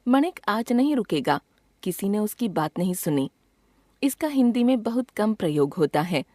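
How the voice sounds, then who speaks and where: A woman reading a grammar textbook lesson aloud in a measured, even way, pausing clearly after each item. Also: medium pitch, no room sound, clean studio sound. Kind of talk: scripted lesson narration.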